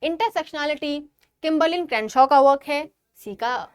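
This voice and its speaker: A woman teacher with an Indian accent, explaining exam questions in an online lesson and reading English quotations slowly and deliberately. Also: high-pitched, dry recording, studio quality. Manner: switches between English and Hindi, reads English quotes slowly and deliberately.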